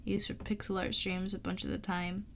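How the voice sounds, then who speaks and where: A woman's voice: mid-range voice, little pitch movement, moderate pace, gravelly, a little hiss or hum. A woman streamer, sick and sparing her voice, chatting casually and thinking aloud while she draws on a live stream. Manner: thinking aloud, rambling, laughs often.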